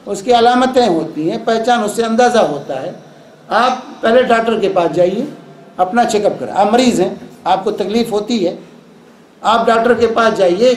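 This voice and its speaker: In a hall full of echo and faint noise, an Islamic lecturer with a high-pitched male voice delivers a lecture that includes questions from the audience. His style is calm and explanatory, and he restates points to stress them.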